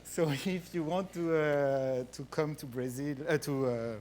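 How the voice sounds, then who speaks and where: A man's voice: on the high side, steady tone, measured pace, a little mellow, slight background noise. A man with a French accent giving a research math lecture, hesitant, with many fillers and restarts. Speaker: guest lecturer.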